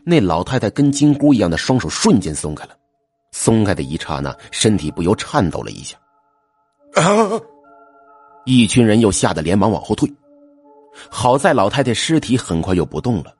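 A man narrates a spooky folk tale in a low, husky voice. His delivery is animated, rising and falling widely. Faint music runs underneath him. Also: a little fast. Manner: lively, switches into character voices for dialogue. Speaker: storyteller. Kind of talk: audiobook narration with acted dialogue.

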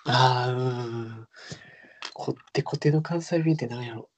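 A man's voice: mid-range voice, a little slow, slight background noise. A young man with a Kansai accent, chatting casually as a podcast co-host, laughing often and trailing off. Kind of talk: casual chat.

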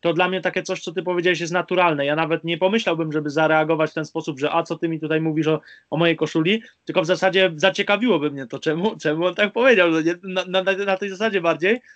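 A man's voice: a little high, fairly even intonation, fast, few pauses, fairly bright tone, muffled recording. A man interviewing his guest in a casual chat, hesitant and restarting as he forms his questions. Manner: hesitant, restarts while asking.

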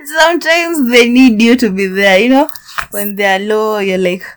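A woman chatting casually as a podcast co-host, animated and prone to laughing mid-thought. She often restarts her sentences as ideas come to her. Her voice sits at an ordinary middle pitch. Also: moderate pace, clean tone. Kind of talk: casual chat.

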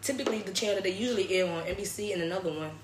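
A woman's voice: mid-range voice, rapid-fire, a crowd in the background. A woman casually hosting a trivia game, reading out questions. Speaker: quiz host. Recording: echoey room.

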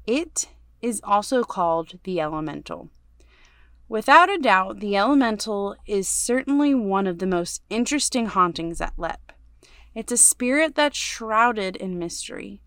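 A woman podcast host reading a ghost story aloud in a measured, storytelling way, going hushed on the dark parts. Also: mid-range voice, animated, clear, resonant tone, no room sound, studio quality.

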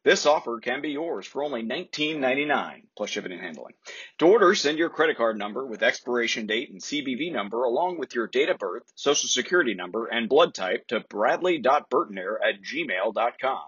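A man reading a scripted parody sponsor ad in a salesman pitch delivery. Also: animated, fairly quick, a bit bright, breathy edge, no room sound, muffled recording. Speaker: mock sponsor ad reader.

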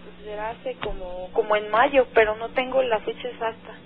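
Her fairly high-pitched voice comes through a tinny phone line with faint music as this Mexican-accented woman calls a radio show. At a moderate pace, she tells her story earnestly and hesitantly, leaning on many filler words.

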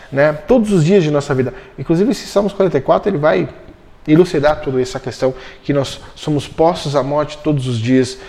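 A man leads a Bible study lesson in a fairly high voice. He explains each point step by step and keeps checking in with short asides to make sure everyone follows. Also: darkish tone. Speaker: Bible teacher.

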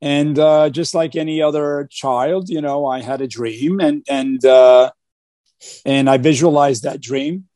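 A man's voice: fairly high pitch, steady tone, a little slow, dark tone, no echo, clean studio sound. A man from Portugal talking about his life as a guest on a video call, earnest, with many fillers and repeated starts. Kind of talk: casual interview talk.

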